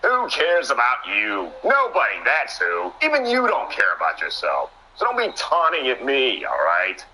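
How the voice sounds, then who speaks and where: A man's voice: mid-range voice, wildly swooping pitch, moderate pace, sharp tone, a little hiss or hum, full character voice, low-quality recording. A man voicing a vain, arrogant male wrestler who taunts his opponent with haughty contempt. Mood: sneering.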